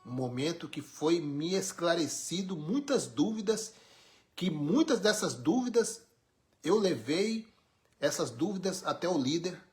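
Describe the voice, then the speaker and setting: A man's voice: on the high side, animated, measured pace, soft background music. A man from Brazil, preaching an informal sermon with emphatic, wry rhetorical questions. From Brazil, born in Pernambuco, raised in São Paulo.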